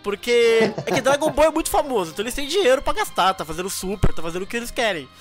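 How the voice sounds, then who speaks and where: Fast-talking young Brazilian man, higher-pitched voice. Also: animated, music in the background. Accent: Brazilian Portuguese. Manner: slangy and enthusiastic. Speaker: podcast co-host. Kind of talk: casual chat.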